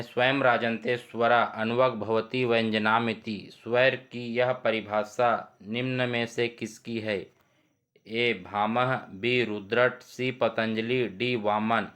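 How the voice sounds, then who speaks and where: A man's voice: mid-range voice, fairly bright tone. A man teaching as he reads quiz questions and options aloud and explains each answer step by step. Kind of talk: exam quiz lesson.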